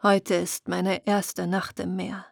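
A woman's voice: level tone, slow, gravelly, no room sound, clean studio sound, exaggerated voice. A woman reading a bitter young warrior woman. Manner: hard, bitter, low. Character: grim young woman warrior, haunted and proud. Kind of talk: audiobook character voice.

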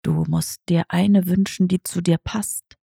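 A suave tomcat from a storybook speaks calmly and in riddles, his voice pitched low and gravelly as a woman reader puts it on. The recording is close and dry, with no room around it. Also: unhurried, no echo, full character voice. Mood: riddling. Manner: calm, riddling, gently condescending. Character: cryptic, suave male talking tomcat.

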